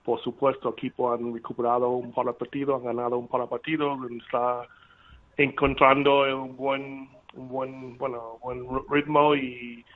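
A middle-aged man calling in to a live radio show over a phone line, talking haltingly and repeating words as he searches for them. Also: mid-range voice, flat delivery. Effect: heard over a phone line. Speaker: caller, father of the guest. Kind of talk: live radio call-in chat.

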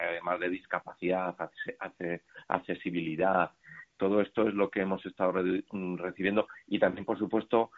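Deep-voiced man on a tinny phone line. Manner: hesitant, many fillers and restarts. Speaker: startup event organizer. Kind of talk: radio interview by phone.

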